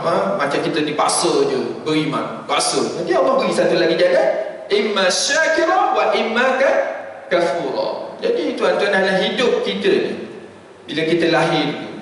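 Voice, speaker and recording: A male preacher with a Malaysian accent giving a dawn religious lecture. He jokes with his audience, calls them sirs, and slows down to chant Arabic verses. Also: on the high side. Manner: animated and joking, addresses listeners as sirs. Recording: very echoey hall, distant mic, faint hiss.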